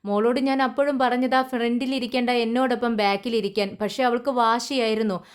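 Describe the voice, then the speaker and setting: A woman's voice: on the high side, fairly even intonation, a little fast, clean tone, natural voice. A woman reading a distraught young mother's lines. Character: distraught young mother after a car crash.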